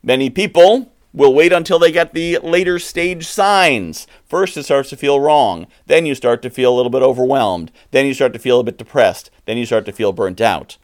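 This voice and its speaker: A man's voice: mid-range voice, lively intonation, moderate pace, few pauses. A middle-aged man hosting a podcast, delivering an earnest, emphatic motivational monologue. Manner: earnest, emphatic, advice-giving. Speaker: podcast host.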